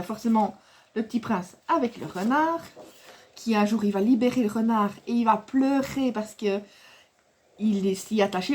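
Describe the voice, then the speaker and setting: Chatty rambling woman, slightly high voice. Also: breathy edge. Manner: rambling and chatty, with many fillers and restarts; laughs often while talking. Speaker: scrapbooking vlogger showing a craft haul. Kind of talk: casual chat to camera.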